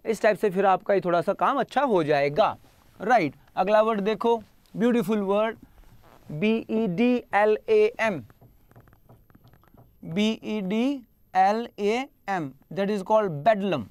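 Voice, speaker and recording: A man's voice: high voice, clean tone, dry recording. A man with an Indian English accent teaching vocabulary online, mixing Hindi with English, spelling words out letter by letter and having students repeat. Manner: spells words letter by letter and drills pronunciation slowly; mixes Hindi and English, addresses students directly.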